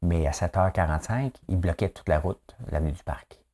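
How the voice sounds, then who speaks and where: A man's voice: sits low, fairly quick, dark tone. A man with a Québécois accent giving casual morning news commentary, chatty and full of asides and tag questions.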